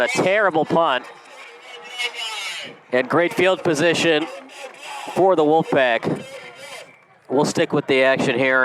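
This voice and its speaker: A male play-by-play announcer calling a live football game in a brisk, chatty way. His voice sits a little high for a man. Faint outdoor noise hums behind him. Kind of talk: live sports commentary.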